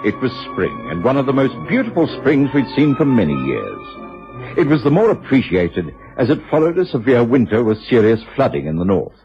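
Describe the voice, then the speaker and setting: Muffled old radio recording, genial English doctor, British accent, very animated low delivery. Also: male voice, moderate pace, over music. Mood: warm, nostalgic. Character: genial, kindly middle-aged English doctor, Sherlock Holmes's companion. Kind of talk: radio drama acting and narration.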